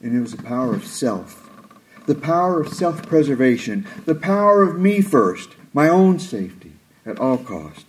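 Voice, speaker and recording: Male preacher, mid-pitched voice, animated sermon delivery with dramatic quotes. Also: a little hiss or hum, rough recording. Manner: expressive, acts out quoted lines with rising pitch and slowed delivery.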